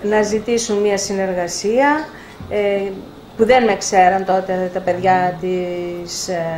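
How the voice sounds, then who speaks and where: An older woman publisher telling lively anecdotes in an interview, acting out the dialogue. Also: mid-range voice. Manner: animated anecdotes with acted-out dialogue. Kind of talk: storytelling in a live interview. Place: bookshop event room. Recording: echoey room, faint background noise.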